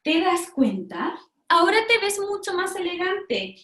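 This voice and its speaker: A smug storybook zebra who purrs her words slowly and breathily, as a woman puts her on. The voice sits high and swoops, with a roomy echo behind. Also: big pitch swings, sharp tone, heavily acted. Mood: coaxing. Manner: slow, breathy, drawn-out.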